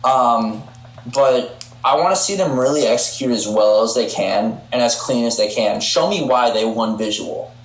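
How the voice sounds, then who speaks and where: A young man co-judging on a podcast over a video call, chatting casually with quick, easygoing agreement. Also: medium pitch. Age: young adult. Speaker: podcast co-judge. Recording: roomy video-call audio with faint hum.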